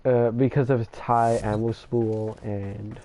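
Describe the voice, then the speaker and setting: A man talking slowly and loosely through his favorite game setups, self-deprecating and chatty with the viewers in chat. His voice is mellow and unhurried, with a faint hiss of noise behind it. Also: medium pitch, little pitch movement. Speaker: gamer showing his builds. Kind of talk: casual gameplay commentary.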